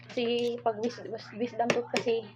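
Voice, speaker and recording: A woman's voice: a little high, level tone, normal speed, muffled recording. A woman with a Cebuano accent, chatting casually to viewers in a family mealtime vlog and explaining things as she goes. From Philippines. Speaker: family vlogger, mother. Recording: loud background noise.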